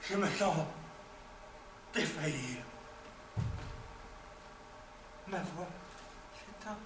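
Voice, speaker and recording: Slow, grandiose tragic villain duke. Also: male voice, fairly high pitch, expressive. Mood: faltering. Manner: declamatory, dramatic pauses. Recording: roomy, noisy, distant microphone.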